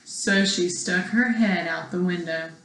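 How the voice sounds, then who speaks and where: The recording has an echoey room and a little hiss or hum. A woman teacher with a lowish voice and measured pace reads a children's book expressively, as if to her young pupils, asking them questions along the way.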